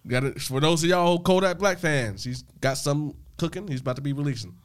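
A man's voice: a little high, fast talker. A man co-hosting a casual podcast, telling news stories in a loose, rambling way, with lots of fillers and profanity. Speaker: podcast co-host. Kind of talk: casual chat.

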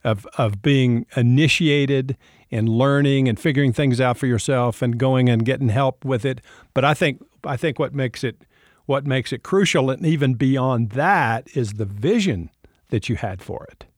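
A man's voice: mid-range voice, moderate pace, dry recording. Affirming male host, dry close sound. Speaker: podcast host. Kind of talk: reflective faith conversation.

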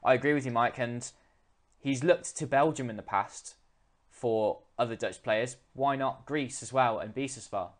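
A man hosts a casual podcast, reading listener questions and adding his own thoughts. He talks in a relaxed, conversational way, with hesitant fillers between points. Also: medium pitch, moderate pace.

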